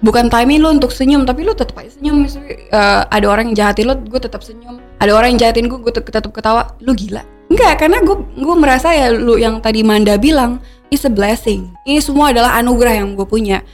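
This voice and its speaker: Woman, 30s, podcast guest. Brightish pitch, animated, laughs often, mixes in English, faint music bed. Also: fast talker. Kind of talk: candid conversational storytelling.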